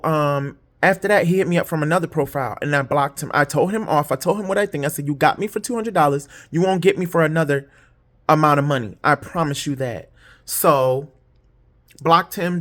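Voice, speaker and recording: A tired woman telling a long story in a rambling, candid way, swearing freely and jumping up in pitch whenever she quotes someone. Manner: jumps high when quoting others; putting on false lashes while talking. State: tired, yawning. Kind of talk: casual storytime monologue.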